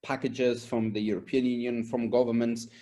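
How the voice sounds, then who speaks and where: Here a Spanish-speaking consultant in environment and safety, with roots in Argentina and Spain, gives sincere, conversational interview answers. He talks at a normal pace in a dark, level, mid-range voice.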